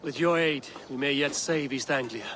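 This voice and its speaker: An actor playing a resolute Viking war leader in a video game, speaking tersely and solemnly. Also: male voice, mid-range voice, normal speed, a bit bright, a little hiss or hum, lightly acted. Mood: solemn, firm. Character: resolute Viking warrior leader, measured and commanding. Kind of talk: cinematic video game acting.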